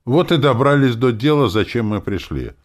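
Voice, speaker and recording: A man's voice: medium pitch, lively intonation, normal speed, voice pushed up, close to an everyday voice. A man reading an audiobook, voicing a bold, headstrong young daughter who talks back sharply and mockingly. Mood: defiant.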